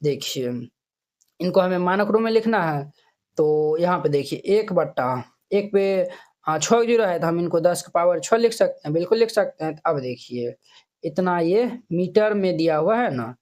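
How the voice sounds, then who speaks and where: A man's voice: high voice, moderate pace, darkish tone. A male math teacher talks through textbook exercises, counting digits aloud one by one and checking that students follow. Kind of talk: classroom math tutorial.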